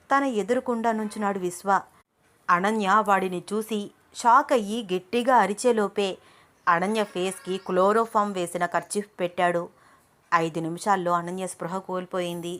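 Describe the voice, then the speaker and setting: A woman narrating a love story as a storyteller, with expressive, scripted delivery. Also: mid-range voice, normal speed.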